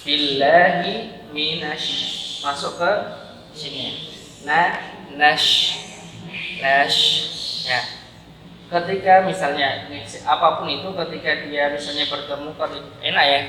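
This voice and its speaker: A man's voice: fairly high pitch, normal speed, bright, forceful tone. A man with a Javanese Indonesian accent teaching Quran recitation at a mosque class, patiently drilling syllables aloud by repetition. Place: large mosque hall. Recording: echoey mosque hall with crowd.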